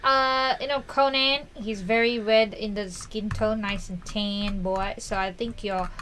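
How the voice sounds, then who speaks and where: A woman's voice: mid-range voice, fairly even intonation, unhurried, a bit bright, a little hiss or hum. A woman co-hosting a casual review stream, chatty and upbeat, giving painting feedback and reading out notes. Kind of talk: casual chat.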